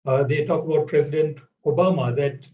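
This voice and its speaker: A man hosts an interview, speaking in a measured way with frequent pauses and fillers. His slightly high voice sounds distant and roomy. The audio is dull, like a video call. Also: fairly even intonation. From India. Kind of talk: conversational interview.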